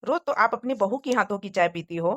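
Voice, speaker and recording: A woman voicing a caring young husband who coaxes his mother and wife gently in a cartoon moral story. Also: mid-range voice, lively intonation, a little fast, no echo, muffled recording, close to an everyday voice. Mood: coaxing. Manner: coaxing, gentle.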